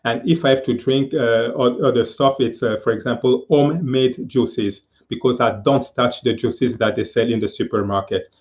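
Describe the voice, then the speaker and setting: A man in his fifties talks over a video call, earnest and halting, filling his pauses with "uh". His pitch sits in an ordinary middle range. The sound is a little dull and muffled, as video-call audio often is. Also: steady tone, darkish tone. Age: 50s. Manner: earnest, halting with many fillers. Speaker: guest speaker. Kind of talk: casual live-stream interview.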